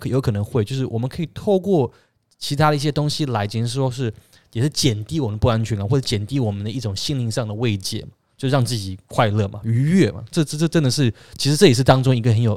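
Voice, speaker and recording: Fast-talking Taiwanese-accented man, hosting. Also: medium pitch, a little mellow, no echo, studio quality. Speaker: talk show host. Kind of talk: casual discussion, explaining to co-hosts.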